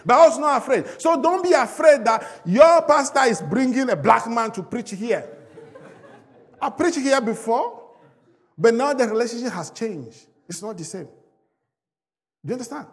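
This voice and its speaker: A high-voiced middle-aged man, a native French speaker, preaches with emphatic swings in his delivery. His voice carries a long reverb from a large church hall. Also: expressive, moderate pace. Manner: emphatic, rising and falling delivery. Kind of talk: sermon with testimony.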